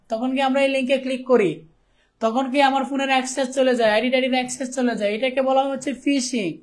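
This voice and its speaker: Fast-talking young male ICT teacher. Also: very high-pitched. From Bangladesh. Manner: chatty, teasing students, keeps asking "okay?". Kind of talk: live online class lecture.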